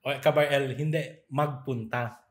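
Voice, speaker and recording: A man's voice: medium pitch, measured pace. A man from Zamboanga, co-hosting a casual podcast chat and telling stories with playful mimicry. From Zamboanga, Philippines. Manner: animated storytelling with playful mimicry. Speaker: podcast co-host.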